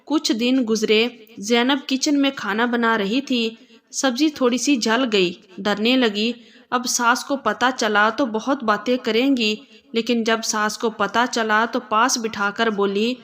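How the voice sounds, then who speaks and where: A woman narrating a scripted romantic family story, in a calm, even storytelling manner. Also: fairly high pitch.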